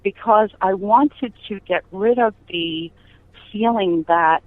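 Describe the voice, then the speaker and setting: A woman's voice: medium pitch, slow pace, no echo. A middle-aged woman chatting as an interview guest, telling anecdotes in an emphatic way with rhetorical questions. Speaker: podcast guest, business founder. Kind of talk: conversational interview, anecdotal storytelling. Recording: tinny phone-line audio.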